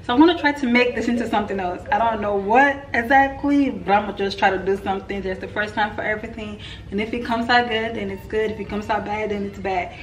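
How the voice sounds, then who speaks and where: Young mom chatting casually at home. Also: female voice, fast, few pauses, distant mic, slight background noise. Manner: chatty, talks softly and low at times. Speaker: vlogger, single mom. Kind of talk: casual home vlog narration. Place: home, indoors.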